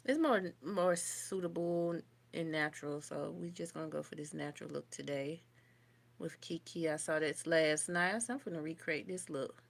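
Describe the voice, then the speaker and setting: A woman's voice: low voice, steady tone, moderate pace, vocal fry. Chatty young woman livestreaming her makeup. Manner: chatty, reads and answers viewer comments. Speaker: beauty vlogger doing a livestream. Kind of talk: casual livestream chat while doing makeup. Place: home, indoors.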